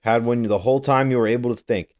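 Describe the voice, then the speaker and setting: Speaking fast in a steady, somewhat mellow medium-pitched voice, a young man co-hosts a laid-back podcast. His chat rambles, full of swearing and frequent laughs.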